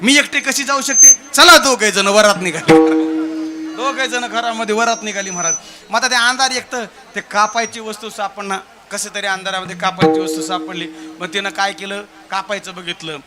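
A man's voice: sits high, moderate pace. A male kirtan preacher telling a humorous devotional story, who keeps addressing and quizzing his listeners. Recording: live event with instrumental music.

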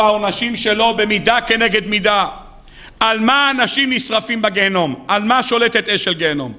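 A man, a rabbi, delivering a sermon and telling the story with lively rhetorical questions. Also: high voice.

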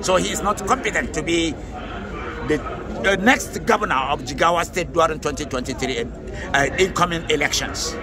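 Outdoors on an urban street near traffic, with crowd noise around him, a Nigerian-accented political activist gives a street interview. His voice sits on the high side at a normal speed, and his answers are emphatic and grandiose, with frequent repetition.

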